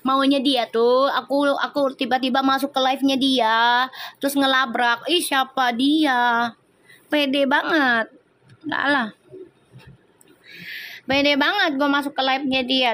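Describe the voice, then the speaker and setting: A woman's voice: sits high, fairly even intonation, a bit bright, no room sound. A woman from Indonesia, a tarot reader chatting casually with viewers on a live stream, teasing and answering comments, slipping into short prayers. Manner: slips into singing and quick prayers.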